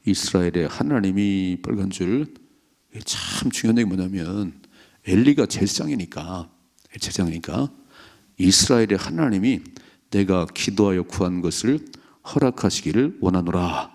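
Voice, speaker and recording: Gravelly low-voiced male pastor. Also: expressive, moderate pace, darkish tone. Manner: conversational preaching, acts out quoted voices. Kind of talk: early morning prayer sermon.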